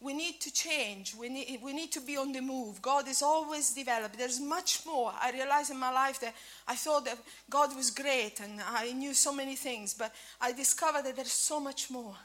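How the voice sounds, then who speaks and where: Her voice is high and a touch bright, spoken at normal speed with few pauses. She is an Italian woman in her fifties, a native speaker whose accent has a small Scottish influence, giving an informal church breakfast sermon marked by many fillers and restarts.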